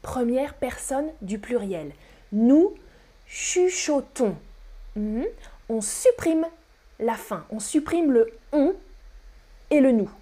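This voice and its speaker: A woman teaching a French grammar lesson on a live stream, speaking slowly and deliberately and repeating key words. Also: a little high, animated, mellow. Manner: slow, deliberate teaching with repetition; whispers on purpose as a demonstration.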